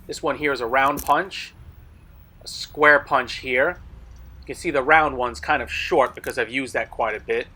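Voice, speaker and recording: A man's voice: fairly high pitch, fairly bright tone. A man narrating a product showcase as a video host, explaining details in a matter-of-fact way. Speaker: blacksmith video host selling tools.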